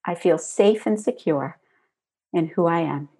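A middle-aged woman leading a guided tapping exercise, speaking calm, soothing instructions and affirmations. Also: fairly low pitch, a little slow, breathy edge. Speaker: tapping practitioner guiding a session.

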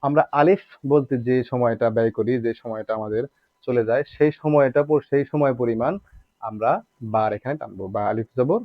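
A Quran recitation teacher patiently demonstrates how to pronounce Arabic letters, repeating himself, posing rhetorical questions and stretching out the sounds. He speaks a little fast at a medium pitch, and the recording is muffled with no room sound.

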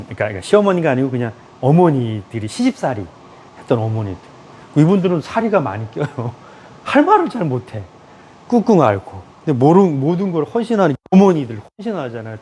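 Animated man lecturing, dark voice. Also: medium pitch, a little hiss or hum. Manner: animated, acts out quoted people in raised voices, laughs often. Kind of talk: lively lecture.

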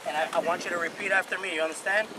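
High-pitched football coach giving pep speech. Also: male voice, fairly even intonation, racing. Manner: emphatic, repetitive exhorting with call-and-response questions. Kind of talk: rousing pregame pep speech to a team. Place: outdoors on a grassy football field. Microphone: camera a few metres away. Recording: noisy outdoor field, team crowd behind.

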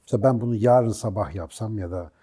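A man's voice: lowish voice, fast, warm tone, breathy edge. A man co-hosting a talk show, speaking informally and colloquially about his own experience. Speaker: co-host. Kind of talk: casual chat.

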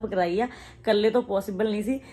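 A woman's voice: mid-range voice, a little fast, mellow, dry recording. A woman with a Punjabi accent chatting casually as she films a vlog. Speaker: vlogger.

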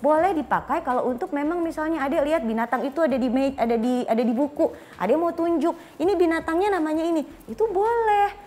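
Her voice sits high, with a darkish tone and a fast delivery; she is in her thirties and has an Indonesian accent. Talking informally as a guest expert, she explains and performs brief parent and child dialogues. A clip-on lapel mic picks her up on a small furnished studio set indoors.

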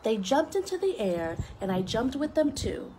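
A high-voiced, animated woman reads a picture book aloud to kids at a moderate pace, with asides along the way. The setting is a wooden deck among trees, and the background is noisy. She explains things expressively and simply for young children.

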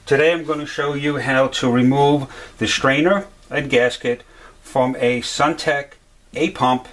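A man's voice: mid-range voice, steady tone, unhurried, fairly bright tone. A man giving a step-by-step repair demonstration at a workshop bench, talking plainly with frequent "uh" fillers. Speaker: HVAC supply instructor.

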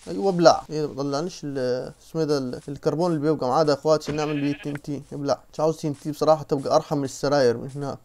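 A young man with an Egyptian Arabic accent, chatting excitedly through a game playthrough as a channel host, coaxing the animals and talking to viewers. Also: on the high side, racing, few pauses, a little hiss or hum. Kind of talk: Minecraft let's-play commentary.

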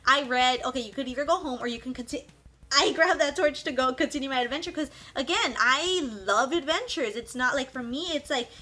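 Bubbly young woman telling a story. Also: sits high. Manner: animated, acts out others' lines in quick quoted asides. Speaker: vlogger recapping a reality show stint. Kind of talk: casual storytelling recap.

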